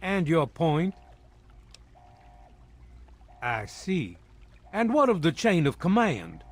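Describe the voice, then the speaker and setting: A man playing a stern, proud military villain officer in a video game, speaking in a formal, deliberate, haughty way. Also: a little high, huge pitch swings, exaggerated voice. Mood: wary, reconsidering. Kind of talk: dramatic video game dialogue.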